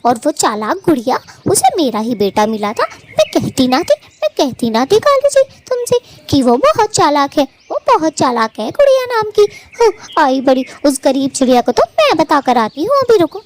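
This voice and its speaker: A woman voicing a proud female bird in a cartoon who taunts and scolds in a shrill voice. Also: sing-song, moderate pace, hardly any pauses, a little mellow, slight background noise. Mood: scornful. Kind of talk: Hindi cartoon voice acting.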